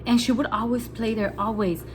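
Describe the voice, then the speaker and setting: A woman's voice: on the high side, moderate pace. Jittery young woman, noisy home video. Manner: rambling, nervous, heavy use of "like" as filler. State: spooked. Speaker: vlogger. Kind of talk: casual storytelling to camera. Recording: home video with steady outside noise. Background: building-washing noise outside.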